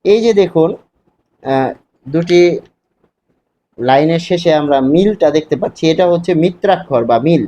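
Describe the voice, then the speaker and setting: Mellow-voiced man teaching a lesson. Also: a little high, measured pace, pauses often. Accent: Bangladeshi Bengali. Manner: explains step by step with rhetorical questions. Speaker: Bangla teacher. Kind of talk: classroom lecture. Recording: dull lo-fi sound with faint hiss.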